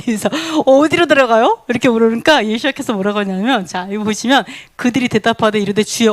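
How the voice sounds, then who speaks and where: Animated woman teaching a sermon. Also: fairly high pitch, no echo. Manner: animated, asks many questions, laughs often, acts out quoted voices. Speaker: Bible teacher. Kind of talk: sermon teaching with questions to the audience.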